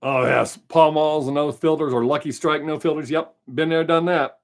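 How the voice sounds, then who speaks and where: A man's voice: a little high, fairly even intonation, normal speed. Chatty, profane Southern-drawling man. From American South. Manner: rambling, chatty, frank and profane. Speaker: livestream host answering chat. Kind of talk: casual live stream chat.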